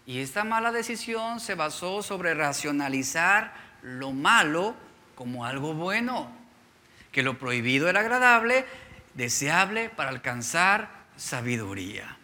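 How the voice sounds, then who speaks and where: A man's voice: on the high side, big pitch swings, unhurried, sharp tone. A male pastor preaching a sermon, asking the congregation rhetorical questions as he reads and explains scripture.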